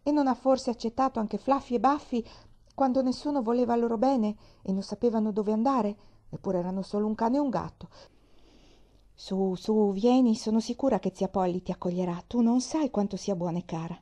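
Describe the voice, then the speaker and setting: A woman voicing a cheerful, chatty young girl who talks in excited bursts. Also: fairly high pitch, brisk, pitched above the performer's own voice, close to an everyday voice. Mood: eager, chattering. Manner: breathless, excited exclaiming.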